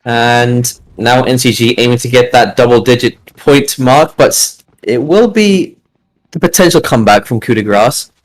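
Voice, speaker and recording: A man co-casting a live esports match, giving steady, analytical breakdowns of strategy and plays. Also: mid-range voice, moderate pace, low-quality recording. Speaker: esports co-caster. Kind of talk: live game commentary and analysis.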